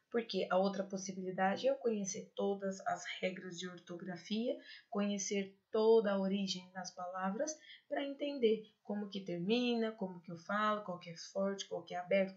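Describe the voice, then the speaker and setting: A Brazilian woman teacher walks students through grammar rules. She repeats key points and checks understanding with quick tag questions. Her voice sits at an ordinary pitch, and the recording sounds muffled and lo-fi. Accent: Brazilian Portuguese. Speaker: Spanish teacher. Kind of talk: online class lecture.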